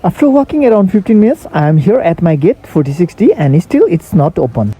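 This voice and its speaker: A woman's voice: fairly low pitch, very animated, a little fast, dark tone, breathy edge. A woman narrating a travel vlog in a plain, matter-of-fact, scripted way. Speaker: travel vlogger.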